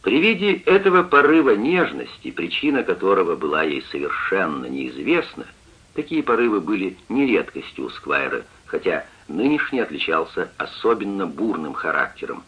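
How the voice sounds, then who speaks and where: A man with a low, husky voice narrates a classic novel in a dramatic reading whose pitch swings widely. The old radio recording sounds dull and lo-fi. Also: sing-song, normal speed. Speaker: audiobook narrator.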